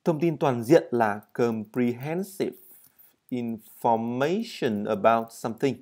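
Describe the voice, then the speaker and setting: A man teaching an English vocabulary and pronunciation lesson. He says English words slowly and clearly, then explains them quickly. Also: medium pitch, a little mellow.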